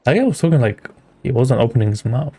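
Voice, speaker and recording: A man's voice: medium pitch, animated, fast, mellow, slightly rough. A young man giving casual, amused gameplay commentary in a laid-back way. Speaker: game streamer reacting to a playthrough.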